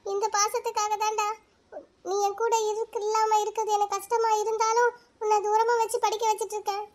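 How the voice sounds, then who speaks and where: A woman's voice: very high voice, little pitch movement, a little fast. A woman voicing a loving, tearful young mother in a cartoon, speaking in an emotional, pleading way. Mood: tender. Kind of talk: cartoon voice acting.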